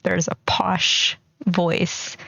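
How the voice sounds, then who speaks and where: A woman streaming a game, reacting with wry, deadpan remarks in casual commentary. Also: on the low side, drawn-out words, vocal fry, no room sound, highs cut off.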